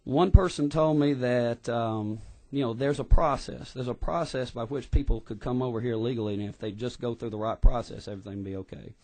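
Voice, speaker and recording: A man's voice: medium pitch, brisk, hardly any pauses, a little mellow. Earnest man testifying. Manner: earnest and impassioned, with frequent restarts. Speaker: public witness at a legislative hearing. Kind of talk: formal testimony. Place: hearing room.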